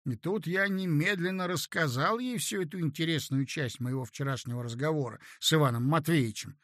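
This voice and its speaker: A man narrating a classic story as an audiobook, with an expressive, theatrical reading. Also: a little high, brisk, dry recording, clean studio sound.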